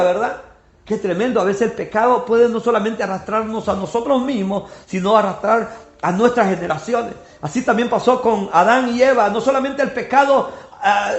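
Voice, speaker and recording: Man, preacher, sermon, very high voice, folksy, repeats himself, echoey church. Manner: folksy, repeats words, asks "¿verdad?" often. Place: church hall.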